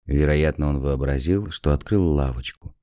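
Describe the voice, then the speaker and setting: Male storyteller, measured classic narration, extremely deep, dark tone. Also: dry recording, clean studio sound.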